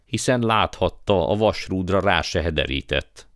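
A man's voice: low voice, expressive, a bit bright, no echo, studio quality. A man doing an eager young boy. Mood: questioning. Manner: eager, exclaiming.

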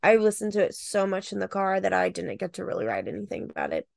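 A woman's voice: medium pitch, sing-song, quick pace, vocal fry, no room sound, studio quality. A woman chatting casually on a video call about a book, laughing often. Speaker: podcast co-host. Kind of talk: casual book club chat.

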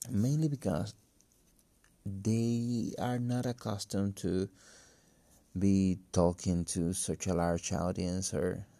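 A man who is a non-native English speaker, talking casually and haltingly in a solo podcast, with a cracking voice. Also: deep voice, steady tone, mellow, no room sound, soft background music. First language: not English. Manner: halting, hesitant, thinking aloud. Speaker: podcast host. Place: empty room. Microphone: phone.

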